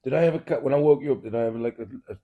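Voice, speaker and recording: A man's voice: medium pitch, very fast, narrow, tinny audio. A man in casual banter with his partner, grumbling and incredulous. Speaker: partner listening and objecting.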